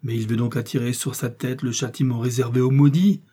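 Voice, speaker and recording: A man's voice: medium pitch, normal speed, warm tone, husky. A man voicing a fervent young puritan officer in an audiobook, with exalted, pleading outbursts. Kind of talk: audiobook character reading.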